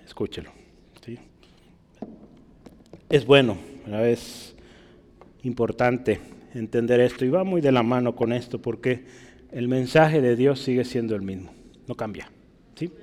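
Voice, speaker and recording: A pastor giving a conversational sermon, often checking in with his congregation with quick questions. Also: mid-range voice, darkish tone. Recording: reverberant hall.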